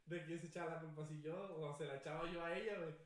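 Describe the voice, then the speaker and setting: A man's voice: a little high, fairly even intonation, fast, recorded from a distance. A man with a Mexican accent telling a crude, rambling story on a casual podcast. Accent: Mexican Spanish. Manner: crude, rambling, peppers speech with "güey". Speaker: podcast co-host. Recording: very echoey room, off-mic, faint noise.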